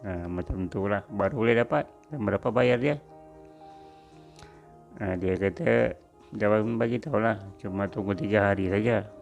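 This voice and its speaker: In this lo-fi clip, a middle-aged man from Sabah, Malaysia, who once worked in a factory, shares stories from his working life. He talks slowly and thoughtfully in a low, deep, gravelly voice with clear vocal fry, scattering small fillers throughout. Soft music runs faintly in the background.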